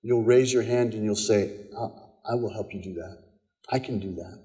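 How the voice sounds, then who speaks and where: A pastor speaking with an American accent gives a conversational sermon at a normal speed, his fairly low voice warm in tone. He tells stories, quoting dialogue and repeating phrases frequently, and the church sanctuary adds a long reverb to the recording.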